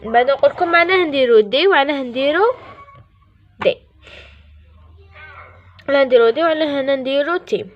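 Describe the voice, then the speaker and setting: Woman with an Algerian accent, high pitch, casual teacher who apologizes and self-corrects, dull lo-fi recording. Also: fast, pauses often. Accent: Algerian Arabic. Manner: apologizes often, repeats and corrects herself. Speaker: French teacher. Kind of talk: casual classroom lesson.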